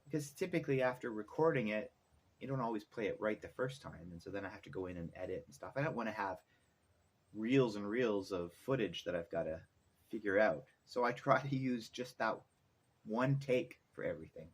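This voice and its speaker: There's audible background noise and ambience as a middle-aged man, a vlogger and musician, thinks aloud in a rambling, casual way. His voice sits on the low side, expressive and brisk.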